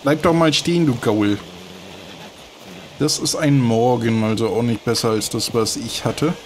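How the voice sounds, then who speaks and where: A man narrates his gameplay in a casual let's play style, talking to the in-game horses and cursing when things go wrong. He speaks slowly at a middle pitch. Game audio with clopping hooves is heard clearly behind him. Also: a little hiss or hum. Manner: chatty, talks to the horses, bursts of frustrated cursing.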